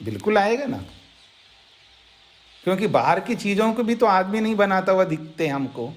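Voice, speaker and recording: A man's voice: high voice, very animated, normal speed. A man with a somewhat raised voice teaches scripture as a monk in a patient, explanatory lecture. He speaks straight to his listeners. He circles back to stress key points. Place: ashram lecture setting.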